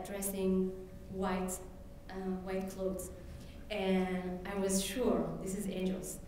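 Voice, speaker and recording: An Ethiopian woman whose first language is Amharic shares her personal story in an event hall, speaking haltingly with many fillers and restarts. Her voice is medium-pitched and warm. The recording is very echoey, with a distant mic and a slight hiss or hum.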